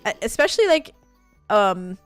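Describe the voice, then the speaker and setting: A woman's voice: medium pitch, big pitch swings, moderate pace, clear, resonant tone, no room sound, soft background music. A woman, chatting casually and rambling with lots of fillers while she streams a game. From Australia. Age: late 20s. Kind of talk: casual chat while gaming.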